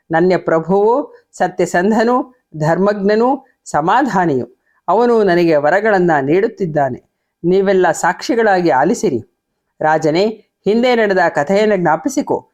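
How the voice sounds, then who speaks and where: A woman reading the lines of a scheming queen who calmly claims two promised boons. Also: on the low side, muffled recording, close to an everyday voice. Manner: firm, calculating.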